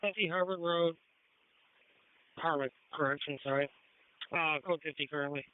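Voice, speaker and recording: Higher-voiced man on tinny emergency radio. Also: moderate pace, clean tone, dry recording. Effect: scanner radio transmission. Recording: tinny, narrowband scanner radio.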